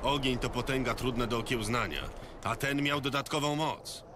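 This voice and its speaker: A man playing a calm, terse monster hunter in a video game. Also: mid-range voice, normal speed, natural voice. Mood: calm, grave. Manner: calm, terse, matter-of-fact. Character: calm, stoic monster hunter advising a king. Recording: game ambience noise behind.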